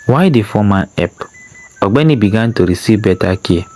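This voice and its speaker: A storyteller man narrating an emotional tale in a slow, dramatic reading style. His voice sits on the low side. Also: animated, darkish tone, poor audio.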